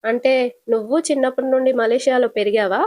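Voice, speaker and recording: A woman puts on a teasing young cab driver from a retold TV serial. He pokes and pries at his passenger in a slightly high, dry-sounding voice, short and blunt. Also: fairly even intonation, fast talker, darkish tone, no room sound, natural voice. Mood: prying. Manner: teasing, probing questions.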